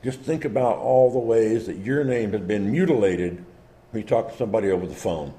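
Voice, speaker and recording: A fairly low, warm male voice, brisk and expressive, explains genealogy and naming in a casual lecture. He talks conversationally and plays out small dialogues. Faint background noise and a roomy echo are audible.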